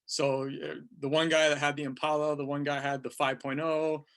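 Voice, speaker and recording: Poet, male, 30s, from California, slightly high voice, unhurried verse reading. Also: flat delivery, fairly bright tone. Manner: slow, deliberate reading of verse. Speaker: poet, featured writer. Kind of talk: casual talk and poetry reading.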